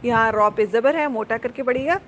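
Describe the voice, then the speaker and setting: A woman teaching Quran recitation, explaining letter sounds patiently and repeating them slowly. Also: a little high, a bit bright, highs cut off, slight background noise.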